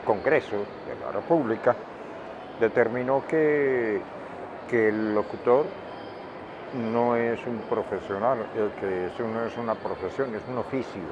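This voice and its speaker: An older Colombian-accented man, a veteran radio director and journalist, reflects in an interview at a medium pitch. He answers deliberately and emphatically, often repeating words for weight. The dull lo-fi recording carries clear outdoor traffic noise.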